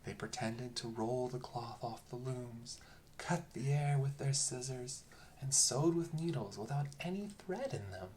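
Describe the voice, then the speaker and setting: A storyteller narrating a bedtime fairy tale in a calm, soothing, lilting manner. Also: medium pitch, measured pace, slight background noise.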